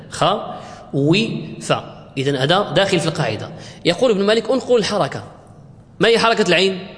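A fairly high-pitched man teaches grammar in a classroom lecture, working through each rule step by step. He stretches out the example words slowly and keeps asking his listeners whether it is clear. His voice carries a long echo, as in a large hall. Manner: drawn-out recitation of example words. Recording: reverberant hall.

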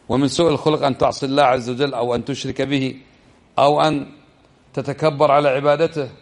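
Man teaching a religious lesson. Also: medium pitch. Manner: explanatory, checks the listeners with quick questions.

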